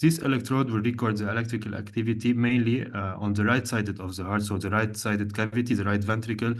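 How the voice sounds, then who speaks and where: Low, flat-voiced man lecturing online. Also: quick pace. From Lebanon. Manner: hesitant, many fillers, methodical explaining. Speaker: cardiologist lecturer. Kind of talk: online medical lecture with slides.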